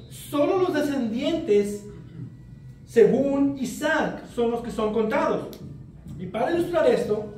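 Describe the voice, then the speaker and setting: Male pastor, high mellow voice, earnest measured sermon, recorded from afar in a very echoey hall. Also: far from the mic, a little hiss or hum. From Mexico. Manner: expository preaching, measured and earnest.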